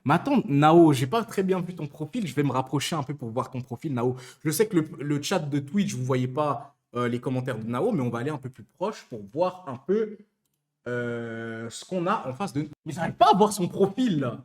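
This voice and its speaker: Joking young streamer guy, high voice. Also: expressive, normal speed, darkish tone. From Switzerland. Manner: joking, teasing, stammering restarts. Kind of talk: casual live-stream chat.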